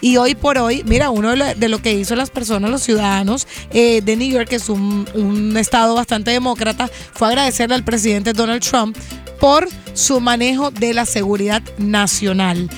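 A woman from Colombia, co-hosting a radio morning show in a lively conversational way. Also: fairly high pitch, moderate pace, soft background music. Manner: lively, conversational, gossipy asides. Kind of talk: chatty radio banter.

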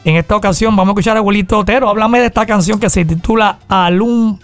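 Upbeat radio host. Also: male voice, high voice, smooth, no room sound, soft background music. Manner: upbeat, quick to agree and laugh. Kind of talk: radio interview.

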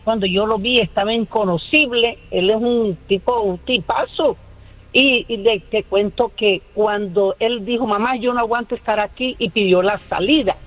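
A woman's voice: mid-range voice, moderate pace. An older woman with a Caribbean-coast Colombian accent, calling in to a radio show. She talks in a hesitant, wandering way and keeps repeating herself. Her voice comes through a tinny, narrow phone line. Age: 60s. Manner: rambling, hesitant, repeats words. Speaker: caller. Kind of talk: phone-in call.

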